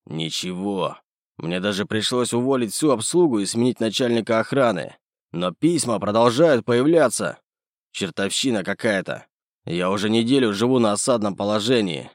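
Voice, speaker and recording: A gruff, bullying middle-aged businessman, voiced by a male reader in a low voice. His speech rises and falls widely as he sneers, and the recording is close and dry. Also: expressive, moderate pace, no room sound, natural voice. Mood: sneering.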